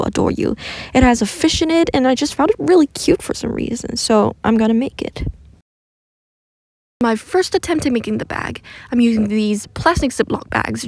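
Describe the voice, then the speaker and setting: A fairly high yet gravelly, darkish voice speaks with no echo, recorded under a blanket so it's close and muffled. The woman is a craft creator offering a casual, self-mocking narration of her DIY attempt.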